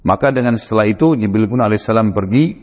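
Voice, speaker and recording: A male preacher telling a religious story in an animated, conversational way, with frequent asides to his listeners. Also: lowish voice, quick pace. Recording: dull echoey hall recording.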